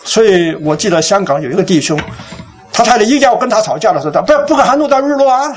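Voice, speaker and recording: A middle-aged man delivers a sermon, pitched high for a man and full of rises and falls. He tells a story the way a pastor does from the pulpit and acts out the quotes inside it.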